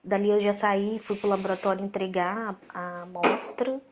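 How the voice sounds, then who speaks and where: Heavy background noise surrounds a woman in her thirties with a Brazilian Portuguese accent as she tells a personal story as a guest in conversation. Speaking at a moderate pace in a mid-range voice, she animatedly acts out the quoted dialogue and often restarts her sentences.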